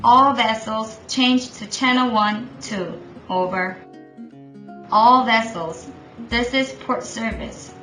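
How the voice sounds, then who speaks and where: This is a woman voicing a formal port service operator on a marine radio channel. Her voice sits a little high and every call is clipped and procedural. The sound is roomy, with music playing underneath. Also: slow, pushed and bright. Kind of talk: scripted maritime radio role-play. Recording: echoey room with music underneath.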